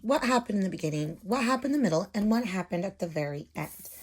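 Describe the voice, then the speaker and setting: Drawing as she talks, a woman teacher explains things simply and casually to young kids, slipping in small check-in questions. She speaks fast at medium pitch, with lively intonation and a darkish tone.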